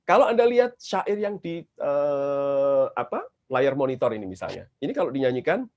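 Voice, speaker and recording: A man's voice: medium pitch, sing-song, moderate pace, darkish tone. Indonesian man teaching songwriting. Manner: explains patiently, breaks into short sung demonstrations. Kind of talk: webinar lecture with sung examples. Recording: dull lo-fi webinar audio with faint guitar.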